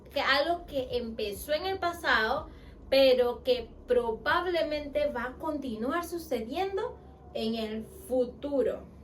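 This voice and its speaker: A woman teaching an English lesson who asks the learner questions, answers them herself, and repeats example sentences slowly. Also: sits high, a little hiss or hum, low-quality recording. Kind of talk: online language lesson.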